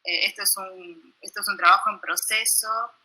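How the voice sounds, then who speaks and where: A young woman with a Buenos Aires accent, a documentary filmmaker giving an informal, self-deprecating talk over a video call, halting with many restarts. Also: mid-range voice, steady tone, sharp tone, husky, low-quality recording. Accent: Buenos Aires Spanish. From Buenos Aires, Argentina. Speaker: documentary filmmaker presenting her work.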